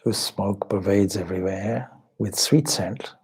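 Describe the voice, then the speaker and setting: Guiding a meditation as a spiritual teacher, a man speaks in a measured, contemplative way with long pauses. His voice is husky, lowish and somewhat dark in tone.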